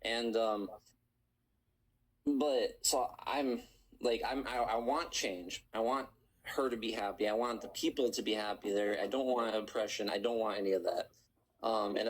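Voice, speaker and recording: A man calling in to a live stream, talking in a rambling, halting way with many restarts. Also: fairly low pitch, poor audio. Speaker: caller. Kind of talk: casual call-in chat.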